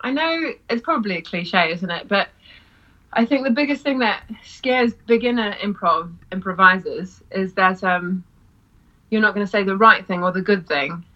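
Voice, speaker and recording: A woman's voice: mid-range voice, moderate pace, bright, forceful tone, highs cut off. A woman who teaches improv, chatting casually, laughing often and acting out quoted lines. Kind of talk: casual podcast chat.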